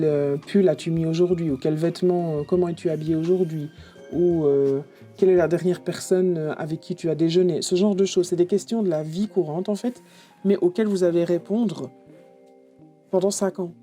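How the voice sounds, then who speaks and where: Chatty, self-mocking woman with a mellow voice. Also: lowish voice. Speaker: journaling vlogger. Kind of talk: casual chat about her notebooks.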